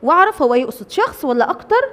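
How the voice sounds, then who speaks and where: A woman's voice: high voice, sing-song, fast, a bit bright. A woman with an Egyptian Arabic accent teaching children English grammar. She keeps asking questions, answers them herself and repeats the key words. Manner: calls children by name and coaxes them along.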